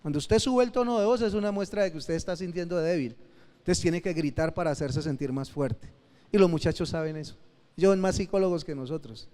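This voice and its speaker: A man's voice: on the high side, a little fast, mellow. A man, a pastor, teaching at a church conference in an emphatic way, repeating key phrases and speaking straight to his listeners. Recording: echoey hall reverb.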